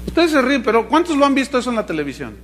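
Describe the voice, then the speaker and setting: A man's voice: very high voice, sing-song, very fast, a bit bright, a little hiss or hum. A male pastor preaching to a live congregation, teasing and firing questions at them. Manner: mocking, humorous, asks the congregation questions. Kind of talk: sermon.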